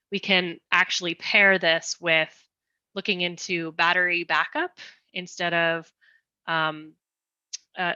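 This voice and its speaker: With a bright, somewhat low voice, a woman leads a community meeting, laying out design ideas in careful, patient stages and easing her pace whenever asked. There's no echo, and the sound has the flat, dull quality of a lo-fi video call.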